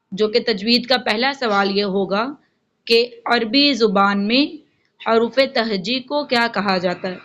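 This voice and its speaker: A woman teaching Quran recitation rules step by step, patiently explaining and slowly drawing out each recited word. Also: mid-range voice, muffled recording. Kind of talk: spoken lesson with recited examples.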